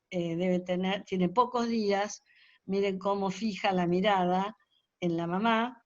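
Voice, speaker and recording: A woman's voice: medium pitch, dry recording. An older woman delivers a webinar lecture in a mid-range voice. She talks her points through at length and stops often on fillers. The video call audio is dull and very dry. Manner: explanatory, many hesitations and fillers.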